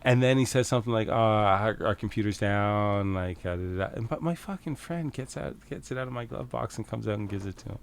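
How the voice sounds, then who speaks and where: A middle-aged man from Canada spins a story on a podcast, loose and animated, swearing as he goes and jumping into the voices of the people in it. His voice sits on the low side. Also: brisk, few pauses, smooth. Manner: animated, swears freely, acts out quoted exchanges. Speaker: podcast guest. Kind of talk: casual storytelling.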